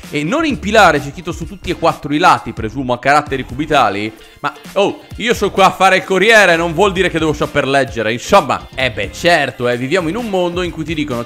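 Male reaction host, fairly high lively voice, sarcastic and exasperated, faint music underneath. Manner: sarcastic, exasperated, mock outrage. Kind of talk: casual comedic commentary.

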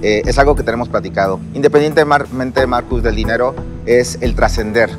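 An earnest man with a Mexican Spanish accent walks investors through his business, explaining things patiently. He speaks at an even middle pitch. Clear background music runs under him on a studio set. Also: brisk.

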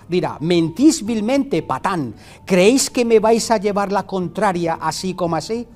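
A man reading aloud as a henpecked medieval husband who mourns his lot in a repeated, drawn-out refrain. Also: on the high side, a little mellow, pitched above the performer's own voice. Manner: lamenting, recited refrain. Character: henpecked medieval husband, middle-aged man, woeful and complaining.

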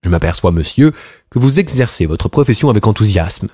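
A brilliant, self-assured male detective from a classic mystery audiobook, voiced by its male reader. He explains his reasoning with cool precision in a lively, shifting voice. The recording is dry and close. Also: fairly low pitch, a little fast, no echo. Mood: courteous. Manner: confident, precise, lecturing deductions.

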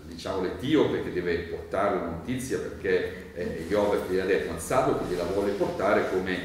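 A lower-voiced man, a priest, explains a Bible passage in a loose, chatty lecture, filling pauses with "eh" and checking whether his listeners follow. The sound is very echoey and picked up from well away from the mic, with faint background noise. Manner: conversational, digressive, many "eh" fillers, asks the audience questions. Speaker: priest teaching a Bible course. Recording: very echoey room, mic far off, light noise.

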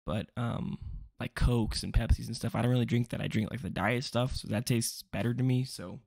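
A young man with a gravelly, frayed edge to his voice rambles through a casual video, cutting himself off and tossing in jokey asides. The sound is close and dry, with almost no room around him. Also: mid-range voice, steady tone, moderate pace, a little mellow, dry recording. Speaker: vlogger.

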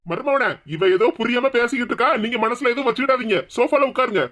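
A man voicing a gruff middle-aged father with a Kanyakumari Tamil accent in a cartoon comedy. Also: extremely high pitch, quick pace, a bit bright. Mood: firm. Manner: gruff, firm. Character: blustering middle-aged father, hospitable to guests.

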